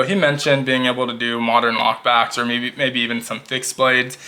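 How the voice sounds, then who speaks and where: A talkative man gives a casual product review of his pocket knives. His voice is bright and a bit forceful. He keeps wandering into chatty asides as he shows each piece at a table. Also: medium pitch. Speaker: knife collection reviewer.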